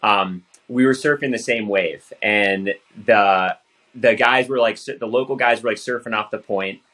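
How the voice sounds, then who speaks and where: A man hosting a podcast, talking in a relaxed, conversational way with plenty of affirmations. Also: lowish voice, moderate pace. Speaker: podcast host. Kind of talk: podcast interview.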